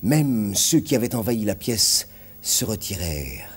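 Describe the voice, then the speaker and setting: A man telling a frightening story on television in a theatrical way, dropping to hushed tones and rising to cries. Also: fairly low pitch, sing-song, a little slow, slightly rough. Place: television studio set of a haunted castle.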